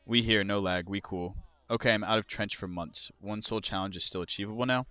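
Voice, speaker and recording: Laid-back young man, crisp forceful voice. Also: on the low side, a little fast, dry recording. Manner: swears freely, reads out chat questions. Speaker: livestreamer and crypto trader. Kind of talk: casual livestream chat.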